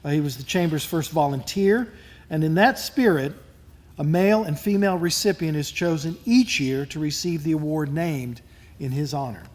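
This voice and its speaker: A man's voice: on the high side, moderate pace, darkish tone. Man formally reading award citations. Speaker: awards presenter. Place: event hall at a lunch.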